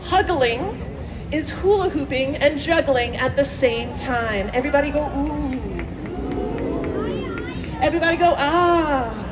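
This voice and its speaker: High-pitched woman, playful kids' magician-style street performer. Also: normal speed, background noise. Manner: playful kids' magician showmanship, calling countdowns and audience prompts; joking, self-mocking asides. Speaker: street performer, hula hoop juggler. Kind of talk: comedic live street show patter to a crowd. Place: outdoors at a street festival. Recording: outdoor street, loud music and crowd.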